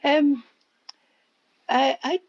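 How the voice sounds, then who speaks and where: Older woman, unhurried storyteller, slow, muffled recording. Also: high voice, fairly even intonation, a little mellow. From England. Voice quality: unhurried storyteller, acts out quotes. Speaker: interviewee. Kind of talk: reminiscing in an oral history interview. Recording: dull lo-fi recording.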